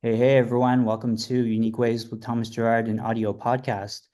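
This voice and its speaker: Male podcast host, brisk and upbeat, mid-pitched, working through a list of questions. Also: little pitch movement, mellow. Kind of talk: interview hosting.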